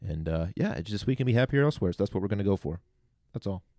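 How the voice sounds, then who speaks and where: A man's voice: lowish voice, lively intonation, racing, mellow, dry recording, studio quality. A man co-hosting a podcast in casual, earnest, rambling chat. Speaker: podcast co-host.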